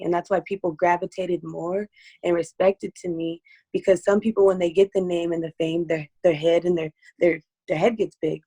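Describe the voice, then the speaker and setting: A woman with a hoarse, strained voice, speaking earnestly as an interview guest giving personal testimony. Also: on the low side, darkish tone, no room sound.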